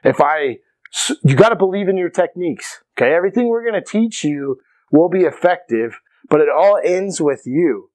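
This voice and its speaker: A man's voice: on the high side, expressive, moderate pace, darkish tone. A man teaching self-defense to camera in a casual but emphatic way, often checking in with "okay". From Irish. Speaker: martial arts instructor. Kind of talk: instructional talk to camera.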